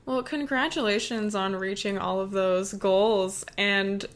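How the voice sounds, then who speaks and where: A woman's voice: medium pitch, steady tone, a little slow. A woman co-hosting an interview podcast, agreeable and engaged as she follows up on the guest. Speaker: podcast co-host. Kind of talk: casual interview chat.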